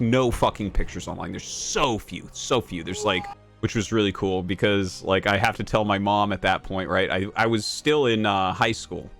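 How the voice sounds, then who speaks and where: A man's voice: fairly low pitch, a bit bright. A man in his thirties, a game streamer, telling a story and ranting about a match in a sarcastic, profane way. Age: 30s. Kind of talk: casual storytelling and gameplay rant.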